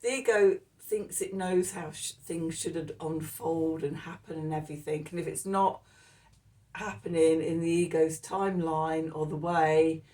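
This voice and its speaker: A woman's voice: sits low, a little mellow. A woman giving a casual, chatty tarot reading, full of ums, with a voice a little distant from the mic. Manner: chatty and laughing often, with many ums. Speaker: tarot reader.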